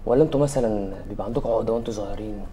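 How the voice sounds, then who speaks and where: ممثل يؤدي شاب ساخر متهكم بلهجة مصرية. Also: male voice, fairly low pitch, rapid-fire, mellow, a little hiss or hum, lightly acted. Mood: taunting. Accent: Egyptian Arabic. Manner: taunting, sarcastic, mock-soothing. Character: cocky mocking young man torturing a police officer. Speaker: taunting captor.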